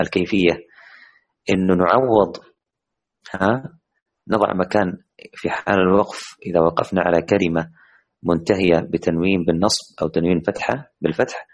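A man teaching an online tajweed lesson to women. He quizzes his students, praises their answers, and stretches words slowly when he recites examples. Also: low-pitched.

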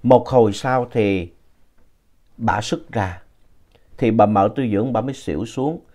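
A man narrating a ghost story in a slow, retelling manner. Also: lowish voice, darkish tone.

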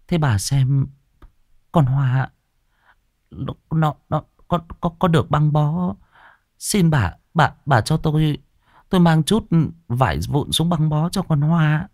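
A man's voice: medium pitch, very animated, slow pace, darkish tone, slightly rough, no room sound, studio quality, voice pushed up, full character voice. A man voicing a timid old woman cook, over sixty, who stammers and pleads through tears. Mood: pleading.

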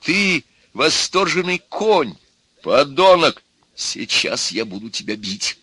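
A man's voice: lowish voice, level tone, unhurried, sharp tone, husky, no echo, exaggerated voice. A man voicing a quarrelsome, blustering male pessimist. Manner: insulting, blustering.

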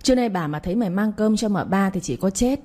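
A woman's voice: mid-range voice, expressive, quick pace, warm tone, close to an everyday voice. A woman voicing a stern older matriarch who lectures her daughter-in-law and maid.

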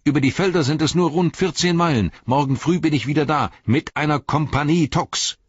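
A man voicing a cheerful, rash young male hobbit who calls out in excitement in a husky, raised voice. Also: medium pitch, measured pace, no echo, voice pushed up. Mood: excited. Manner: excited calling out. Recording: dry, slightly dull studio sound.

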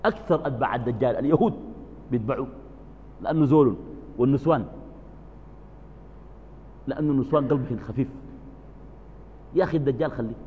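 A man preaching in Sudanese Arabic, asking his listeners questions and answering them himself, calm one moment and suddenly loud and emphatic the next. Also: mid-range voice, fast, long pauses, big-room sound, phone-quality sound, slight background noise. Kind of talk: religious lesson.

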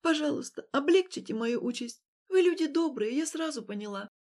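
Brief: woman as a broken young woman begging for mercy, higher and soft. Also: animated, brisk. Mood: pleading. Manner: pleading, tearful. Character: young crippled heroine, despairing.

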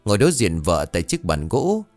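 Lively low-voiced male storyteller. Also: brisk, faint music behind. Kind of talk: scripted story narration.

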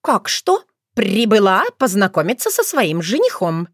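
A woman's voice: mid-range voice, very animated, unhurried, dry recording, studio quality. A woman voicing a sarcastic young female crow, a bald bride who teases her in-laws, in a storybook reading. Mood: mocking. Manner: sarcastic, teasing.

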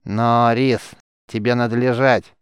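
A man's voice: mid-range voice, flat delivery, measured pace, clean tone, no room sound, clean studio sound, lightly acted. A man voicing a tough, sardonic woman warrior who talks bluntly and plainly. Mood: grim. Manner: wry, blunt, plain-spoken.

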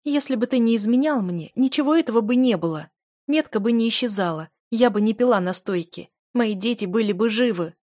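A woman's voice: medium pitch, level tone, normal speed, dry recording, clean studio sound, lightly acted. A woman reading an audiobook and voicing a young wife in grief and anger, raised and anguished. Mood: furious. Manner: anguished, shouting. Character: young married woman, grieving and furious.

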